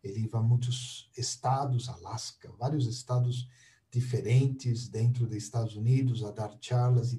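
A man's voice: mid-range voice, warm tone, distant mic. A middle-aged man from Brazil speaking Spanish with a Brazilian Portuguese accent, giving a reflective, conversational spiritual talk and often ending points with a questioning "ya". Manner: unhurried, often ends points with "¿ya?".

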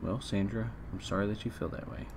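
A man giving casual let's-play commentary, chatting to his game characters and breaking into excited outbursts. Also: fairly low pitch, brisk, slight background noise. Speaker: gameplay streamer. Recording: faint game music behind.

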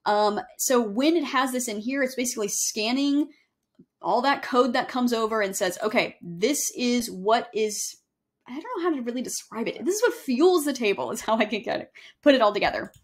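A young woman with a slightly high voice talks through a screen-share software lesson, recorded on a webcam at home. She keeps it casual and chatty, stopping now and then to rephrase herself as she goes. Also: animated, normal speed. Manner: casual, chatty, self-correcting with fillers. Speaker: email marketing instructor. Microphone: webcam overlay on screen recording.

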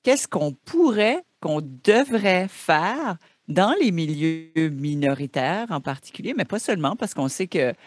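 A woman moderating a panel discussion, asking formal, measured questions. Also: sits low, lively intonation.

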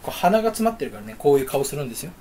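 A young YouTuber stands in a room at home chatting solo to the camera, rambling, fooling around and teasing himself. His voice is a little high, very animated and rapid-fire, with a dark tone and a slight hiss or hum.

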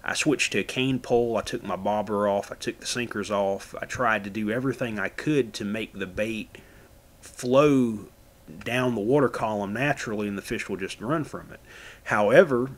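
A man's voice: fairly low pitch, moderate pace. A man from Florida narrating his own fishing footage in a plain, folksy how-to manner. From Florida, USA. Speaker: fishing channel host.

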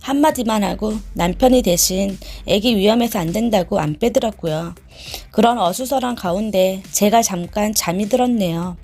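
A woman's voice: mid-range voice, warm tone. A woman narrating a first-person story aloud as a story-channel reader, in a plain, confiding way.

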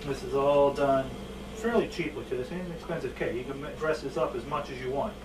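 A man in his thirties hosting a cooking show as a chef, talking casually and plainly in a halting, informal way. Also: mid-range voice. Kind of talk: casual instructional vlog talk. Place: indoors at home, table and kitchen. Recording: distant mic with background noise.

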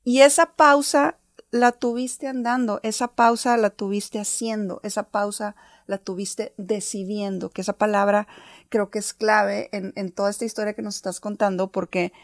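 A woman's voice: mid-range voice, dry recording, studio quality. A woman hosting an interview, giving long, affirming summaries of what her guest says. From Mexico. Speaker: interview host. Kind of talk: warm reflective interview.

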